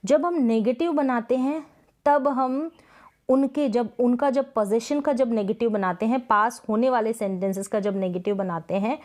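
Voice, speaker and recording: A woman's voice: a little high, a little mellow. Woman teaching English grammar in Hindi. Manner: explains step by step, often checks understanding; slows down to read out example sentences. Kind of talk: Hindi-language grammar lesson.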